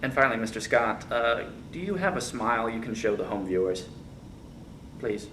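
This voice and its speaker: A man's voice: medium pitch, animated, moderate pace, a bit bright. A man playing a mock-formal, over-polite interviewer in a comic sketch. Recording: distant mic with faint hiss.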